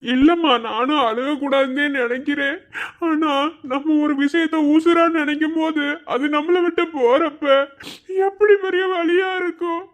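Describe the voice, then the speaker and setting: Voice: high-pitched, fairly even intonation, moderate pace, close to an everyday voice. A performer voicing a grieving, bitter young village man in a cartoon, with a Madurai Tamil accent. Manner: wounded, vowing, bitter.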